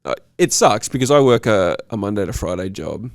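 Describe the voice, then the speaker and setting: A man's voice: lowish voice, big pitch swings, a little fast, dry recording, clean studio sound. A man chatting casually as a podcast co-host, his voice nasal from a cold, laughing often as he talks. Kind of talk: casual chat.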